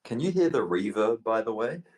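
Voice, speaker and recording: A man's voice: mid-range voice, animated, a little fast, darkish tone. A man chatting casually from his bathroom, joking and laughing often, with strong bathroom reverb on his voice. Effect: echoey bathroom reverb. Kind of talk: casual chat. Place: bathroom at home. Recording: echoey bathroom, voice off from the mic.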